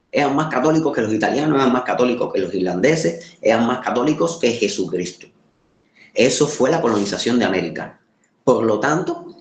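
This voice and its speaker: A lowish-voiced man with a Caribbean Spanish accent lectures informally in a roomy, echoing space. He searches for his words in a halting way, then drives points home with emphatic repetition. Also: darkish tone. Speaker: course lecturer.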